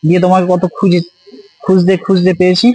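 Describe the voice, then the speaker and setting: A man filming a street vlog, coaxing and gently scolding as he asks the same questions again and again. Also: high voice, monotone, fast, very noisy. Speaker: vlogger helping a homeless man. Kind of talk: casual street vlog talk. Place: outdoors on a street.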